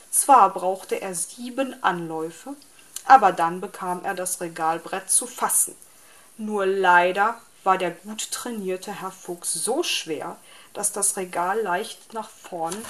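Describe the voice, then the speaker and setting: Slow-reading woman storyteller. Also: mid-range voice. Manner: gentle, measured storytelling. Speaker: narrator.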